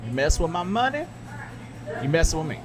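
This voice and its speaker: In a radio studio with a crowd audible behind him, a man with a slightly high, sing-song voice talks briskly. He's a podcast host and radio broadcaster, telling stories candidly and emphatically in a casual chat, often restarting his sentences.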